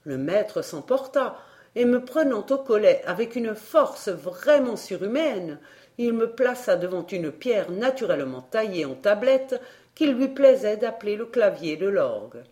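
A woman narrating an audiobook of a classic tale. She reads slowly and deliberately in a mid-range voice. Her storytelling is measured and expressive. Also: medium pitch.

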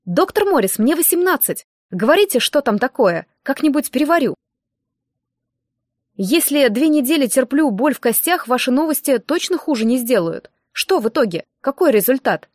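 A woman's voice: high-pitched, big pitch swings, moderate pace, no echo, studio quality. A woman voicing an anxious eighteen-year-old girl student who asks blunt, demanding questions.

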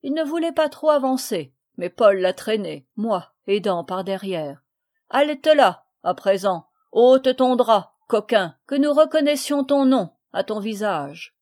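A woman's voice: mid-range voice, animated, measured pace, few pauses. A woman reading the lines of a stern nobleman who scolds a thief in a firm, raised voice. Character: stern commanding nobleman, older husband and father.

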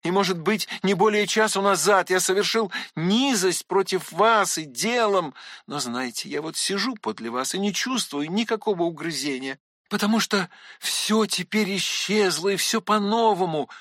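A man's voice: high voice, moderate pace, fairly bright tone, no echo, clean studio sound. A man narrating a classic novel in the first person, earnest and emotional. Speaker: audiobook narrator.

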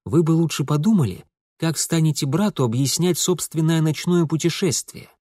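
A man's voice: on the high side, normal speed, dark tone, breathy edge, no room sound, pitched above the performer's own voice. A man reading an audiobook, voicing Mitya, a dry, sarcastic young man, close to his own reading voice. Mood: sardonic. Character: sardonic young man, wry and grumbling.

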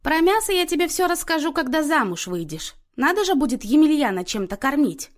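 A bossy, blunt mother, as a woman reader puts her on in an audiobook, loud and indignant, her voice leaping high and swinging widely. She scolds and meddles in every line. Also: big pitch swings, brisk. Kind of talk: audiobook character voice.

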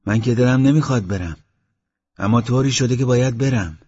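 A man's voice: medium pitch, a little mellow, slightly rough, voice pushed up, natural voice. A man voicing a stubborn, grieving village man who answers curtly, in a dull lo-fi audiobook recording. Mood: resigned. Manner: curt, defiant replies.

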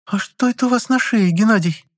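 Man doing a prim young lady comrade, high voice, biting, indignant, audiobook. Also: fairly quick, natural voice. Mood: shocked. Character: young woman, prim, principled, caustic. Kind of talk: audiobook character voice.

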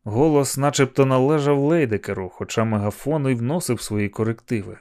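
A man reading a novel aloud as an audiobook narrator, in a steady, measured manner. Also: mid-range voice. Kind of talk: scripted narration.

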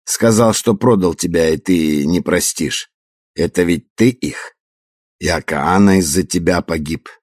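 A man's voice: low voice, a little slow, a little mellow, slightly rough, no room sound, studio quality. A man voicing a vengeful, mocking old woman poisoner in an audiobook, with a cold, triumphant manner.

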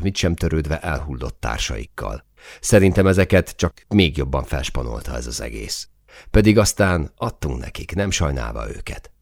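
Deep gravelly man narrating an audiobook. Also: no echo, studio quality. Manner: tense, rising to shouted lines in dialogue. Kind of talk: first-person audiobook narration.

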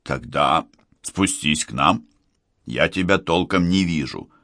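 A worried middle-aged divorced father, tense and urgent, as a male reader voices him. His voice is deep and close to the reader's own. The recording is dry and close. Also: expressive, slow, pushed and bright, no echo, full character voice.

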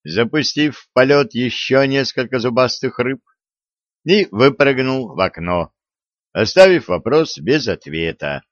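A man reading a story aloud as an audiobook narrator, unhurried, lightly voicing the characters. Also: mid-range voice, expressive, no echo. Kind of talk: scripted narration. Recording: dry, dull lo-fi recording.

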